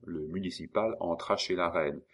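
A man narrating a classic novel as an audiobook, in a measured storytelling manner. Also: deep voice.

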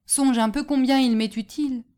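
A woman voicing a cunning poor peasant who tricks others with calm, sly talk. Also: high voice, normal speed, pitched above the performer's own voice, close to an everyday voice.

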